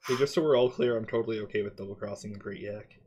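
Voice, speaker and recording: A man's voice: on the low side, quick pace, darkish tone, husky. A man talking casually as a player in a tabletop role-playing game.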